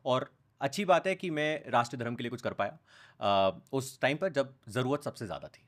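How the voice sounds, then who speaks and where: A young man, a guest on a podcast, telling animated stories in a casual chat and mixing English phrases into his talk. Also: mid-range voice, brisk. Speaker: news content creator, guest.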